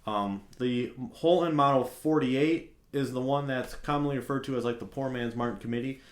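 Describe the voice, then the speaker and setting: A young man giving a casual, relaxed review of a trumpet, with lots of fillers like "like" and "um". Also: mid-range voice, moderate pace, reverberant.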